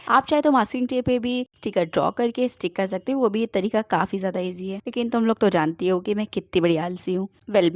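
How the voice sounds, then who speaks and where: A woman's voice: fairly high pitch, dry recording. A young woman recording a chatty voice-over for a craft tutorial at home, mixing English words into her Hindi. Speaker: DIY craft channel host. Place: home, traffic outside.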